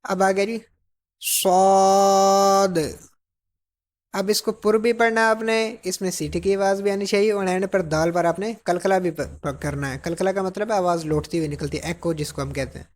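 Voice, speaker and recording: Woman drilling slow recitation syllables. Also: on the low side, fairly even intonation. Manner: slow, drawn-out syllables alternating with quick explanations. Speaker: Quran reading teacher.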